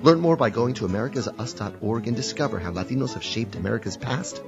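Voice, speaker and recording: A male announcer giving a scripted public service ad in measured, declarative phrases, heard taped off the radio. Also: mid-range voice, lively intonation. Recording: dull radio broadcast with music under it.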